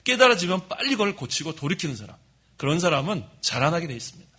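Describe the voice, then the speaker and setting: A middle-aged man preaching a sermon from the pulpit of a church, telling stories about himself in a lively way. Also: on the high side, quick pace, breathy edge. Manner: lively storytelling, admits his own faults. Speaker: pastor. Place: church sanctuary.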